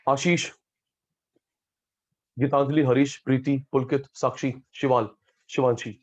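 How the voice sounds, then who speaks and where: A man's voice: medium pitch, dull audio. Male teacher calling on his students. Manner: calls out student names, repeats key terms. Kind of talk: online class teaching.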